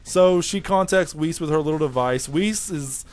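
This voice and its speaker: A man's voice: on the high side, moderate pace. A young man giving a casual, rambling, offhand video review of an anime episode. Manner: rambling, offhand, chatty with fillers.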